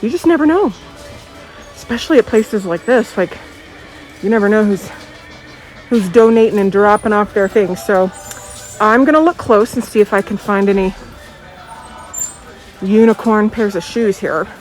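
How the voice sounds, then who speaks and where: A woman's voice: mid-range voice, normal speed, long pauses, darkish tone, faint music behind. An American woman chatting casually as a vlogger, her voice muffled by the face mask over her mouth. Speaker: vlogger, doll dealer. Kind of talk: casual chatty vlog narration. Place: inside a thrift store. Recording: muffled voice, faint background noise.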